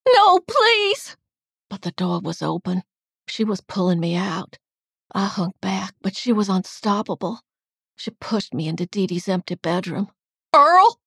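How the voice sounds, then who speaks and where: Brief: expressive audiobook narrator, a woman with a low, husky voice, dry close recording. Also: moderate pace, no echo. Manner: expressive, dramatic reading. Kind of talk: first-person audiobook narration.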